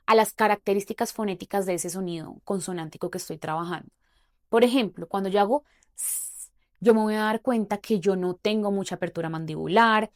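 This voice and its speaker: A woman's voice: mid-range voice, a little mellow, no room sound, clean studio sound. A young woman, a speech therapist teaching in a casual, chatty way, explaining each step with lots of fillers.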